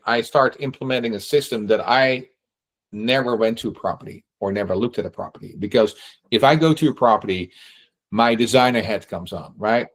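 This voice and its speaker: A middle-aged Dutch man with a medium-pitched voice chats lively through real estate questions in a casual Q&A. He acts out little quotes, keeps asking "right?", and restarts sentences as he goes. The recording quality is low.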